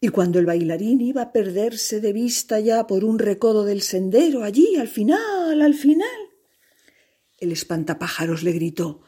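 A woman telling a children's tale aloud, expressive, with lively asides and sighs. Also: mid-range voice, normal speed, husky. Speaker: storyteller. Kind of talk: oral storytelling.

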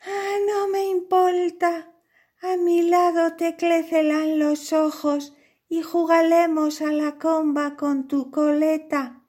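A woman voicing a lovesick young princess in a high, sweet voice. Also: level tone, takes it slowly, darkish tone. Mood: pleading.

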